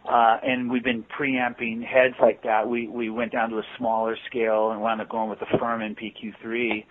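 Over a tinny phone line, a man who sings and plays guitar in a band answers interview questions at length, thoughtful but rambling with many restarts. His medium-pitched voice is completely flat and moderately paced, with background noise.

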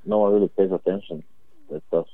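A young man from Croatia gives earnest, halting interview answers over a thin, phone-like line. His voice sits fairly low and sounds dry and close. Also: fairly even intonation, no room sound. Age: young adult. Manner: plain, earnest, halting phrasing. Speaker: cellist guest.

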